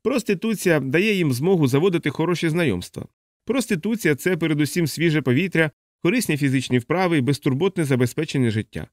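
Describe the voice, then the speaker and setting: Cynical worldly old man, wry and lecturing, quick delivery, read by a man. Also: fairly high pitch, expressive, no echo, clean studio sound, voice pushed up, natural voice.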